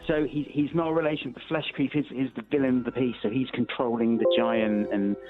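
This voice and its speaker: A man from Wiltshire, England, with a Wiltshire accent, chats casually as a radio quiz guest, jovial and teasing. His mid-range voice is brisk with fairly even intonation. The radio audio is slightly dull, with music underneath.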